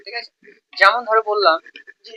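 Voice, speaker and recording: Man, teacher, Bengali accent, high voice, very bright tone, repeats words, step-by-step explaining, dull lo-fi recording. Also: moderate pace. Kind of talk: grammar lesson.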